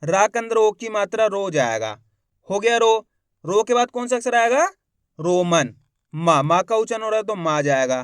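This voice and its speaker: A man teaching a reading lesson. He sounds out each word slowly, syllable by syllable, and he asks the viewer questions and then answers them. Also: high-pitched, big pitch swings, clean tone, no echo, studio quality. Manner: slow, syllable by syllable, repeating words.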